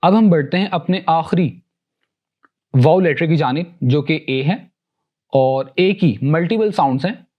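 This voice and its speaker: A man teaching English pronunciation, explaining rules and slowly sounding out example words one by one, switching between Hindi-Urdu and English. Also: on the high side, muffled recording. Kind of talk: recorded lesson.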